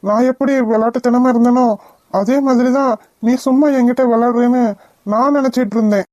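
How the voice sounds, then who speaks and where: A woman's voice: on the high side, steady tone, a little fast, dark tone, no echo, dull audio, lightly acted. A woman voicing a playful, blunt young village man in a cartoon, with a brusque, teasing delivery. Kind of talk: cartoon voice acting.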